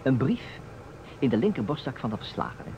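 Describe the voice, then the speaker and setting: This dull, noisy vintage radio recording captures a Dutch radio play in which a male actor takes a theatrical turn as a playful, insistent man setting up a detective puzzle. His dark, medium-pitched voice is sing-song and fairly quick, with a teasing, emphatic edge.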